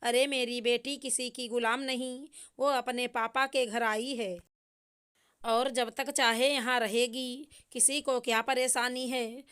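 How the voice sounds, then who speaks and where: A woman's voice: on the high side, level tone, takes it slowly, fairly bright tone, clean tone. A woman voicing an indulgent, short-tempered father who scolds his wife. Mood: angry.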